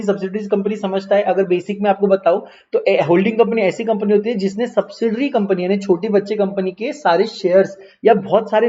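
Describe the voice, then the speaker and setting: A man's voice: high voice, darkish tone, highs cut off. A man with an Indian accent giving an online lecture. He asks and answers his own questions and keeps repeating key terms. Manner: repeats key terms, mixes English terms into Hindi. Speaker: teacher.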